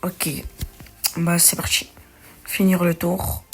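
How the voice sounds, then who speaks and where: A woman's voice: lowish voice, completely flat delivery, slow. Chatty young woman playing a card game. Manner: chatty, thinks aloud, slangy, self-correcting. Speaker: gaming video creator. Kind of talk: casual let's-play commentary. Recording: faint music behind.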